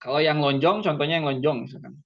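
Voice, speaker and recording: A man teaching Quran recitation in an online lesson, explaining patiently, repeating himself and slowly chanting Arabic examples. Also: on the high side, creaky, muffled recording.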